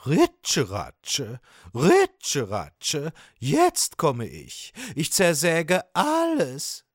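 A man's voice: fairly high pitch, wildly swooping pitch, drawn-out words, slightly rough, no room sound, clean studio sound, pitched above the performer's own voice, heavily acted. Man doing a bragging cartoon sawfish. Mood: boastful. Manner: bragging, sing-song chant. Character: boastful male sawfish, loud and cocky.

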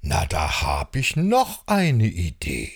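Man doing a deep slow gentle bear. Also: wildly swooping pitch, husky, exaggerated voice. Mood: soothing. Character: big gentle bear, calm and wise.

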